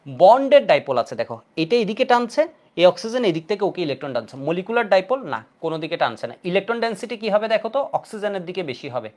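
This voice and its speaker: Fast-talking Bangladeshi chemistry teacher. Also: male voice, high voice. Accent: Bangladeshi Bengali. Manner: quizzing students with repeated questions. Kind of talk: online class lecture.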